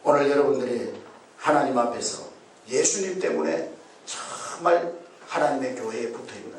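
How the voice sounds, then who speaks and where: A man preaching a sermon as pastor, animated, leading the congregation in call-and-response. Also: mid-range voice, normal speed, slight background noise. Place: church sanctuary. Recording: echoey church hall, mic at a distance.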